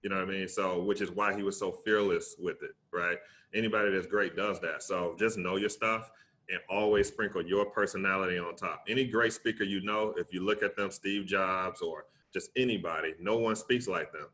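A middle-aged man with a Southern US accent, talking casually and emphatically as a motivational interview guest, often checking his points with a quick tag question. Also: low voice, steady tone, bright, forceful tone. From Alabama, United States. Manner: emphatic, conversational, often tags points with "right?". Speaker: interview guest, public speaker.

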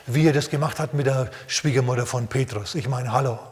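A man preaching a sermon, telling the story in a lively way with playful asides and sound effects. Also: medium pitch, fairly quick, big-room sound. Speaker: pastor.

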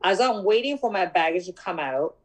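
A woman in her thirties telling a story in casual podcast chat, animated, acting out dialogue and laughing often. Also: fairly low pitch, fairly quick, husky, low-quality recording. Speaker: podcast co-host.

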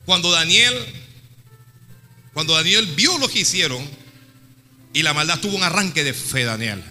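A man preaching a sermon, retelling a story dramatically and swinging between hushed and shouted lines. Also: on the high side, lively intonation, normal speed. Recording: long hall reverb with music.

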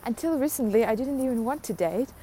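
A woman's voice: on the high side, lively intonation, quick pace, mellow, a little hiss or hum. A young adult woman hosting a podcast, rambling through a casual solo rant, mocking herself and laughing often. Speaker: podcast host.

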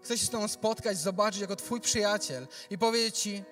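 A man preaching a sermon and reading scripture, speaking earnestly and directly to the listener, moving between soft, low passages and loud, impassioned ones. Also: a little fast, faint music behind.

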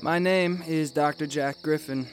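A man playing a mysterious, cultured scientist in a radio drama, speaking in a measured, formal way. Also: fairly high pitch, steady tone, faint music behind, natural voice. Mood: self-assured. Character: mysterious, cultured male scientist who is invisible.

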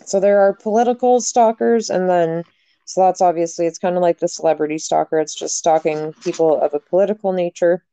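A woman's voice: fairly low pitch, fairly even intonation, a little fast, mellow, clean tone, no room sound. A young woman hosting a casual podcast, frank and jokey, swearing freely as she talks. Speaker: podcast host.

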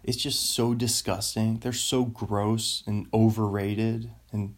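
A man's voice: lowish voice, little pitch movement, slow. A man doing a rambling, casual comedy monologue, laughing at his own jokes as he goes. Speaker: comedian host.

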